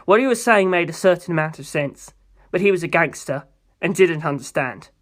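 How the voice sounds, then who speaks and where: This amateur audiobook reading features a mid-pitched narrator working line by line through a first-person novel. The scripted storytelling moves briskly, with lively intonation.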